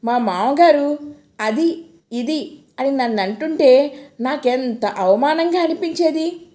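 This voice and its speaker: A woman's voice: high-pitched, slow. A woman narrating a novel in the first person as an audiobook reader, telling it expressively. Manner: expressive storytelling.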